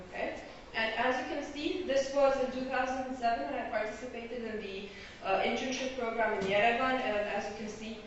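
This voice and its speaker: An Egyptian woman gives an academic presentation of her graduate research, explaining carefully and often pausing to make sure listeners are following. Her fairly high voice sounds distant in a hall with strong echo. The lo-fi recording is dull, with a faint hiss underneath.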